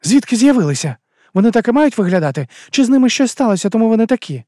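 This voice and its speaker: A man's voice: high-pitched, racing, warm tone, dry recording, clean studio sound, voice pushed up. A man reading an audiobook voices an irritated young woman who fires off insistent questions. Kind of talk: audiobook character voice.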